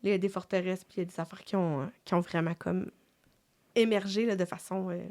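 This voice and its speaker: A woman's voice: fairly low pitch, steady tone, fast talker, darkish tone, slight background noise. A middle-aged woman with a Québécois French accent, hosting a casual faith chat in a reflective way, with many fillers and restarts. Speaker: podcast host.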